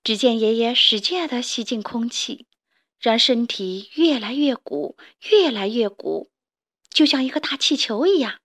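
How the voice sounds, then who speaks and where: Slow gentle woman telling a children's story. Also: a little high. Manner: gentle, expressive reading.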